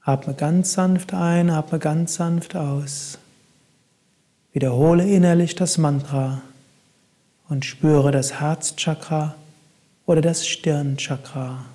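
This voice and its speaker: A man guiding a meditation in a calm, soft-spoken way, with long pauses between instructions. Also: a little high. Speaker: meditation guide.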